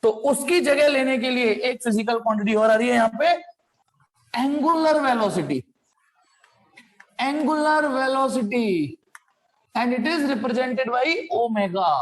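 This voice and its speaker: A man's voice: very high-pitched, unhurried. A man teaching a physics class, mixing Hindi with English terms and asking his students questions before answering them himself. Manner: playful asides, sound effects.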